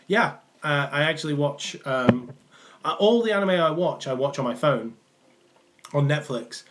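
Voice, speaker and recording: There's a little hiss or hum behind this young livestream host, who answers chat casually from a small room indoors in a medium-pitched voice. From the Manchester area of England, he has a partly worn-off Mancunian accent that comes and goes, and his talk is loose, with many ums and restarts.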